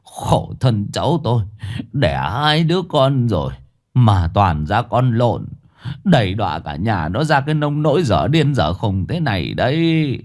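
A man's voice: mid-range voice, big pitch swings, measured pace, a little mellow. A man doing a frail old uncle wailing for help. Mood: breathless pleading. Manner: pleading, wailing cries.

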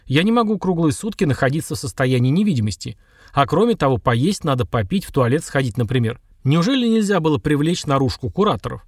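A man's voice: a little high, lively intonation, fast talker, no echo, clean studio sound. Man voicing a defensive grumbling male agent, audiobook. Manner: complaining, snorting, defensive.

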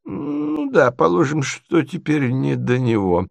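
A man's voice: on the high side, wildly swooping pitch, takes it slowly, vocal fry, dry recording, pitched above the performer's own voice, full character voice. A man voicing a senile, fussy elderly prince who stammers and quavers. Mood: dithering.

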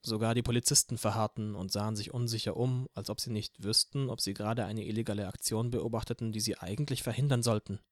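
A man narrating a novel in the first person as an audiobook, in a steady storytelling manner. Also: on the low side, quick pace, few pauses, no echo, clean studio sound. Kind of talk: scripted narration.

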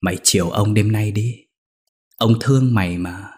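A man voicing a lecherous, domineering old village chief who talks low, coaxing and commanding. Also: moderate pace, darkish tone, lightly acted.

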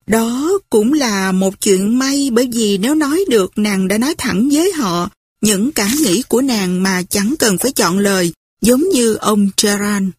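Woman, audiobook narrator, breathy voice, dry close sound. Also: medium pitch, animated, a little slow, darkish tone, no room sound. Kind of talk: scripted narration.

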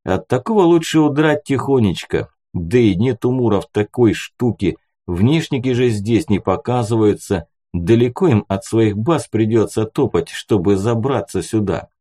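A man's voice: lowish voice, animated, moderate pace, few pauses, warm tone, slightly rough. A man voicing an eager young squad gunner who brags about his weapon, in an audiobook. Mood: boastful. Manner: eager, boastful.

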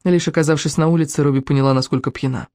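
A woman narrating an audiobook in an even, measured storytelling manner. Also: low-pitched, dry recording.

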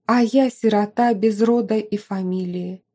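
A woman's voice: mid-range voice, steady tone, a little slow, dark tone, close to an everyday voice. A woman voicing a heartbroken young girl. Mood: tearful. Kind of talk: audiobook character voice.

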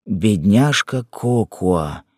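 A man's voice: expressive, a little mellow, no echo, clean studio sound. A man reading a despairing tender husband. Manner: low, slow, tender delivery. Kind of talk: audiobook character reading.

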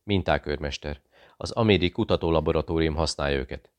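A man voicing a calm, polite British man posing as a doctor, speaking in a courteous, conversational way. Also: rumbling low, dry recording. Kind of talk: audiobook dialogue.

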